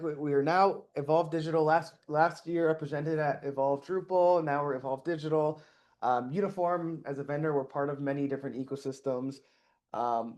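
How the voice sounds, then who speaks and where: A middle-aged man speaks on a conference stage before an audience in a slightly high voice with a darkish tone. His talk is casual and self-deprecating, with many restarts and fillers.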